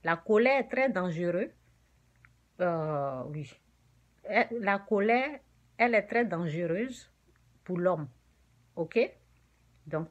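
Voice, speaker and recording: A woman preaching a sermon, speaking directly to her listeners and repeating her key phrases for emphasis. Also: fairly low pitch. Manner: repetitive, emphatic exhortation addressed to listeners.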